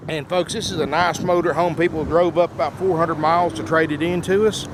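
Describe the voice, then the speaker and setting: A man with a fairly high voice delivers a casual, folksy sales pitch on video. His words come out a little slurred, as if half his mouth is still numb from the dentist. There is clear engine-like noise behind him. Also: fairly even intonation, brisk. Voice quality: slightly slurred speech from a numb mouth after dental work. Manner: folksy, often addresses viewers as "folks". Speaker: RV salesman presenting a used motorhome. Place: outdoors at an RV lot, then inside the motorhome. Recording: noisy outdoor handheld video, engine rumble.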